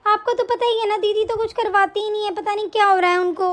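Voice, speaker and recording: A woman's voice: very high-pitched, fairly even intonation, quick pace, a bit bright. A woman voicing a pregnant, hard-working younger daughter-in-law in a cartoon story, firm and lecturing. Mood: complaining. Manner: firm, lecturing, matter-of-fact. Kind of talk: cartoon voice acting.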